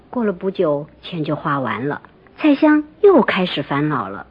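A woman telling a folktale in scripted narration, expressive and lively. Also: medium pitch, slight background noise. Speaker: storyteller. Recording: muffled lo-fi recording, soft music.

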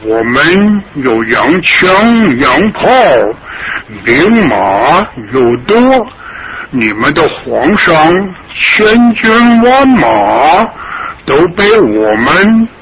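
A man's voice: on the high side, very animated, drawn-out words, dull audio, voice pushed up, full character voice. A man voicing an arrogant foreign invader with a boastful, sneering manner, on a noisy old radio recording.

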